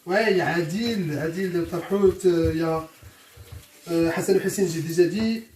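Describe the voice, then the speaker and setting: A man's voice: high voice, moderate pace, a little mellow. A man with a Moroccan accent chatting casually and jokily to viewers as he presents his home cooking. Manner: chatty, jokey, addresses viewers as friends. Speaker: host, home cook presenting a recipe. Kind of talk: casual cooking vlog chat. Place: indoors in a home kitchen. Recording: roomy, distant mic, faint noise.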